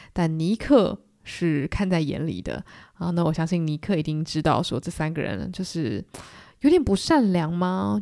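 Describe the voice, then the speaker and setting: A young woman with a Taiwanese Mandarin accent hosts a solo book-club podcast, retelling a story chattily and often slipping into animated character voices. Her voice is deep, and the studio-quality recording has no room sound.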